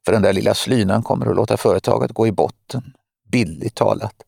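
Cold lecturing spymaster woman, menacing, man reading, gravelly low voice. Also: darkish tone, dry recording, clean studio sound. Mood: mocking. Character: cold scheming woman spymaster, middle-aged.

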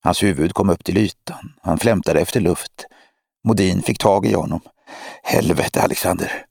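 A man reading an audiobook in a measured, steady narration. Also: sits low, creaky, slightly rough, no echo, studio quality. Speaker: audiobook reader. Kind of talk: scripted narration.

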